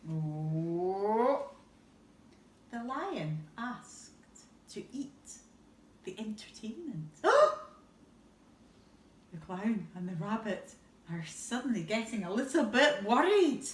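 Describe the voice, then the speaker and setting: Reading a picture book aloud to young children at bedtime, this woman teacher speaks in a mid-range voice that is very animated and slow, with frequent pauses. She draws out words expressively and adds small asides, captured from afar with roomy echo.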